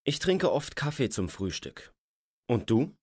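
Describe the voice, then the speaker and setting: A man acting a polite shopper at a market in a scripted language-lesson dialogue, speaking slowly and deliberately. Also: mid-range voice, very animated, darkish tone, breathy edge, no room sound, clean studio sound. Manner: slow, deliberate learner-friendly delivery.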